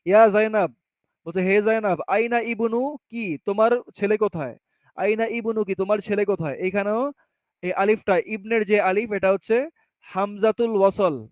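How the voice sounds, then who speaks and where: High-voiced man teaching Arabic grammar. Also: fairly even intonation, moderate pace, no echo. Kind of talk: classroom grammar lesson. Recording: dull, muffled sound.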